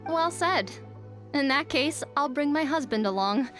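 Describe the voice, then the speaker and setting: A woman's voice: sits high, expressive, measured pace, a bit bright, soft background music. An actress voicing a courteous, curious married woman in a video game. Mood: polite. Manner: polite, inquisitive.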